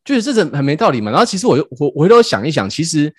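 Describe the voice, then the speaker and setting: Animated man telling a story. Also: on the high side, very fast, breathy edge, no room sound, studio quality. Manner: animated, laughing, acts out quotes. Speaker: podcast host. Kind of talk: casual storytelling chat.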